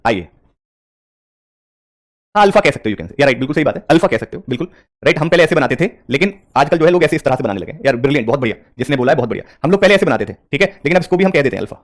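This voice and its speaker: Man, online tutor, fast delivery, addresses students directly. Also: a little high, animated. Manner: brisk, talks straight to students, mixes English terms into his teaching. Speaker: reasoning teacher for bank exams. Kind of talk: live online class.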